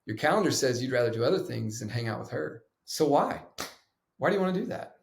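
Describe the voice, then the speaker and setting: A man's voice: medium pitch, expressive, quick pace, creaky, reverberant, a little hiss or hum. A man voicing his older male mentor, who asks the same pointed question over and over with feigned confusion. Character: calm middle-aged male mentor, probing boss.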